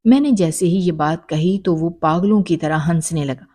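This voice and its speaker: Female storyteller, warm low voice, emotional first-person narration.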